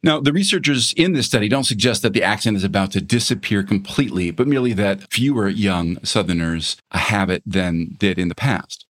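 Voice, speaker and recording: A middle-aged man with a General American accent, explaining calmly as an interviewed linguist. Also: lowish voice. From American South. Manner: measured, explanatory. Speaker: linguist guest. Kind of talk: radio interview answers.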